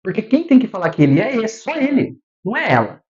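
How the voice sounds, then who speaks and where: A man with a Brazilian Portuguese accent giving a spiritual lecture in an animated way, acting out scenes with sound effects. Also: high-pitched, quick pace. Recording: dull lo-fi recording.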